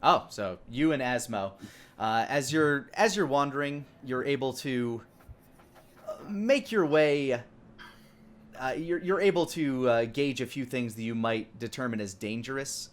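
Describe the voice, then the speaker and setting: Narrating a tabletop game, a game master improvises and gropes for the right words in his descriptions. He speaks in a mid-range voice, a little slowly, over a clearly noisy background.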